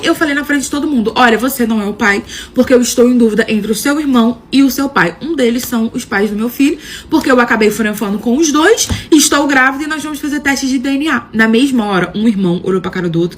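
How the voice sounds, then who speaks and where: Young woman, rapid chatty storyteller, dramatic quoted dialogue, faint background noise. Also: medium pitch. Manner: frequent filler "não sei o quê". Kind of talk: casual first-person storytelling.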